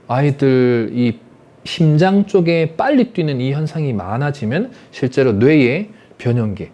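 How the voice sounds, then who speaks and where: Lively, animated male lecturer. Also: a little high. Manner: asks the audience rhetorical questions; acts out parents' scolding in quoted voices. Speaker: lecturer in family psychology. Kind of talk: online adult-education lecture.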